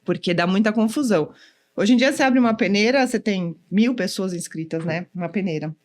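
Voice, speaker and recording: A woman volleyball coach chatting in an interview, animated, often acting out what others said and tagging sentences with "né?". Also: medium pitch, brisk. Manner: animated, acts out quotes, many "né?" tags. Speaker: volleyball coach, former pro player. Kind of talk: casual interview chat.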